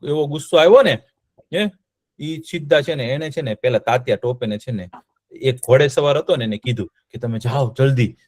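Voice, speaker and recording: A man's voice: on the high side, dry recording, clean studio sound. A man telling a history story to children, often stopping to quiz them with check-in questions.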